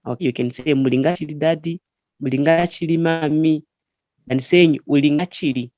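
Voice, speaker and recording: A man's voice: on the high side, brisk, dark tone, no room sound, highs cut off. A man teaching an online language lesson, explaining patiently step by step with repeated examples over a call.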